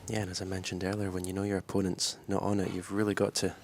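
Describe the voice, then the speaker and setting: A man giving analytical live snooker commentary, unhurried and matter-of-fact. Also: low-pitched, completely flat delivery, noisy background.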